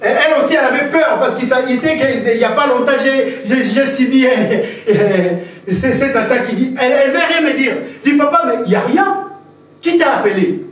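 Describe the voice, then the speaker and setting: A man's voice: extremely high pitch, brisk, a bit bright. A man preaching a sermon as pastor, impassioned and repetitive, telling stories to the congregation. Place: church hall. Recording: very echoey church hall, distant mic.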